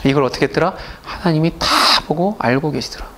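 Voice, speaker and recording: A man's voice: fairly high pitch, quick pace, slight background noise. A male pastor retelling a Bible story in a casual, chatty sermon, acting out the characters' lines as he goes. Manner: lively, acts out characters' lines.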